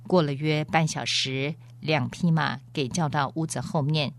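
A woman narrating a storybook in an expressive, dramatic way. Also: sits low, a little slow, vocal fry. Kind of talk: storybook reading.

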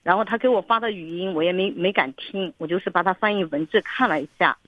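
On a tinny phone line with no echo, a woman calls a radio counseling program. She has a fairly low voice and talks fast, telling a long story earnestly and ramblingly, often repeating herself and restarting sentences.

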